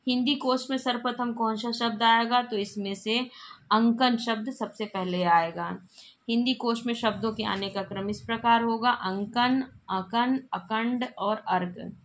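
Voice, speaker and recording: A woman's voice: a little high, fairly even intonation, a little slow, slight background noise. A woman teacher works through exam-prep spelling questions in Hindi. She reads each question and then explains which form is correct. She repeats the correct forms plainly.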